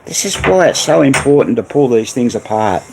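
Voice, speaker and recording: A man's voice: medium pitch, very animated, normal speed, gravelly, background noise. An Australian man hosting a casual livestream about repairing old pinball machines, rambling with many fillers. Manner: rambling, reads viewer messages aloud.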